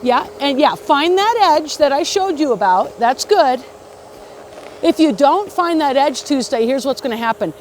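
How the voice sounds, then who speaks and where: High-pitched, encouraging woman ski instructor. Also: expressive, unhurried. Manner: frequent checking questions like okay and right. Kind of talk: hands-on beginner lesson talk. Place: outdoors on a ski slope. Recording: outdoor recording with faint background noise.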